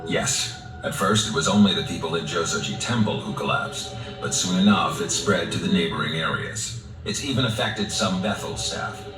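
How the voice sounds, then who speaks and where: A man voicing a grave, composed director in a video game, speaking formally and deliberately in measured phrases. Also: low voice, lightly acted. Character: grave, composed male director of a secret organization. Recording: roomy, distant sound under loud music.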